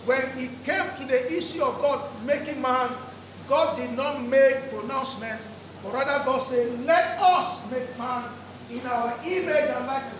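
In a roomy church hall with draped walls, a middle-aged pastor's sermon rings out in a very high voice, picked up from afar by a lectern microphone. He stretches key words and repeats phrases for emphasis, over a constant background noise.

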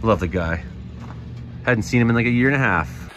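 Walking mostly outdoors on a snowy rural road, a forties-aged vlogger with a Canadian accent rambles casually and folksily into a phone at arm's length. His lowish, slightly bright voice is animated and fairly quick, and the audio has its highs cut off along with a little hiss or hum.

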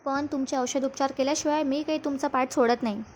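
A sly middle-aged man pleads that it was all an accident, fawning and insistent. A woman reads his lines in a high-pitched voice, with faint hiss behind. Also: fairly even intonation, quick pace, a little mellow, close to an everyday voice. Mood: fake apologetic. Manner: mock-apologetic, fawning. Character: scheming middle-aged man, father of a grown daughter.

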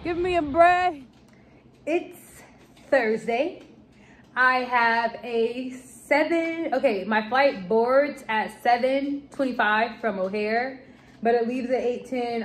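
A woman's voice: on the high side, a little slow. A young woman from the Chicago area chatting to her phone camera in a casual, candid, self-mocking vlog, from a car and then at home. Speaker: vlogger. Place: car backseat, then small kitchen and living room. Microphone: phone camera held close.

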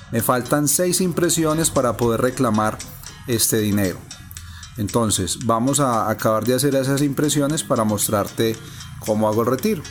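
A man calmly narrating a phone game walkthrough step by step. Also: mid-range voice. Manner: explains step by step, calm and methodical. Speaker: gameplay narrator. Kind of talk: casual screen-recording walkthrough. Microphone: voice-over on a phone screen recording.

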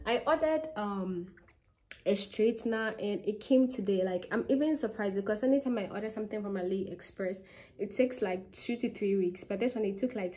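A young Ghanaian woman vlogs casually to camera from a small bedroom, holding her phone at arm's length. Her mid-range, slightly mellow voice is upbeat and chatty, sprinkled with "yeah" and "like."

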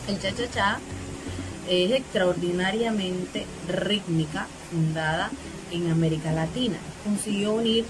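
A thirty-something Panamanian woman, a student, talks in a low voice and steady recited tone, pausing now and then on fillers. She is close to her phone at home, and loud music plays under her voice throughout. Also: poor audio. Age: 30s. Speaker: university student. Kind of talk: class video presentation.

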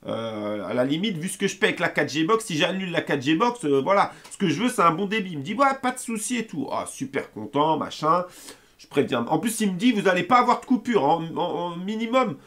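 A man's voice: fairly high pitch, big pitch swings, a bit bright. Heated young man ranting to camera. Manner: fast, heated, swearing, retells phone calls. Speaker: gaming YouTuber ranting to viewers. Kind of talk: angry casual rant to camera.

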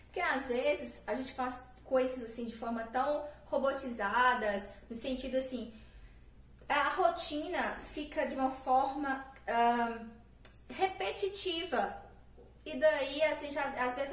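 A high-voiced Brazilian woman gives a relaxed video lesson for English teachers. She talks in a chatty way, checking in with her listeners as she goes. Her voice sits a little back from the mic in a roomy, echoing space. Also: far from the mic. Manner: chatty, with tag questions and English words mixed in.

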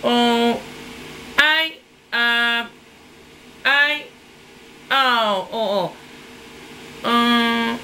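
Her fairly high, bright, forceful voice stays fairly even in intonation, and the poor audio carries slight background noise. She's a Japanese woman in her forties with a Japanese accent, taking an online English lesson at a desk in a small room on a webcam. She slowly and hesitantly repeats phrases while learning.

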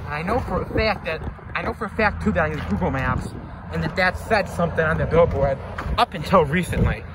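A man's voice: a little high, lively intonation, brisk. A man walking outdoors along a fence, talking casually to his phone camera in a rambling way, often restarting his sentences. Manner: rambling, repeats himself, frequent restarts. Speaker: vlogger exploring closed stores. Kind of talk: casual filmed walkaround commentary. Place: outdoors by a fenced empty parking lot near busy road. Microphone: phone camera held by the speaker. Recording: phone video with loud traffic noise. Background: passing traffic.

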